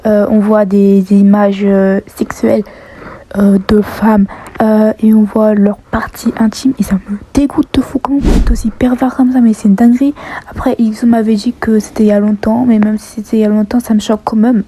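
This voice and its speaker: A woman's voice: mid-range voice, warm tone, a little hiss or hum, low-quality recording. A woman telling a storytime vlog, hesitant and full of fillers, often dropping to a half-whisper. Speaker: YouTuber telling online drama.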